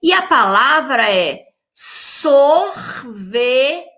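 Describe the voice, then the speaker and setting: A Brazilian woman teacher with a Brazilian Portuguese accent, giving a lesson to young pupils and stretching each example word out slowly. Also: on the high side, sing-song, sharp tone. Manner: slow, drawn-out syllables when saying example words; addresses young pupils directly, friendly teacher tone. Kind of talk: recorded classroom lesson for children.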